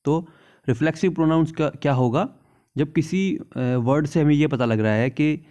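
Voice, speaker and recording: Guy teaching english grammar in hindi, mellow voice, kinda muffled lo-fi sound, reads examples real slow. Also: a little high. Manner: explains in Hindi, reads English examples slowly, repeats "theek hai na". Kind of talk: classroom grammar lesson.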